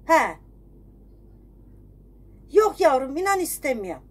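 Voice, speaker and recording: Middle-aged woman, very high voice, folksy and scolding, complaining through one side of a phone chat. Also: sing-song, takes it slowly. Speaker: phone call recipient refusing a credit card offer. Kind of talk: humorous one-sided phone conversation.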